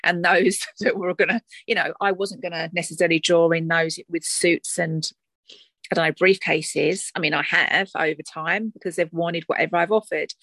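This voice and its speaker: A woman's voice: fairly low pitch, fairly even intonation, normal speed, fairly bright tone, no room sound. A woman with an Essex accent in a casual, reflective chat, talking in a chatty, conversational way as an interview guest.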